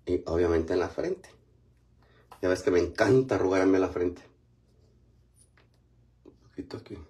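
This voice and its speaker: A chatty Mexican man hosting a casual livestream. His voice sits a little low, and his talk is loose and slangy as he greets viewers by name while doing his skincare. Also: normal speed, dark tone. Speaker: livestream host.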